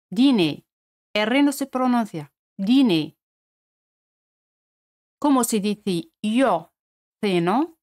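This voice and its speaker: A woman with a Spanish accent from Spain giving a scripted French lesson, speaking clearly and repeating each French word. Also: a little high, a little mellow. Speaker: French teacher.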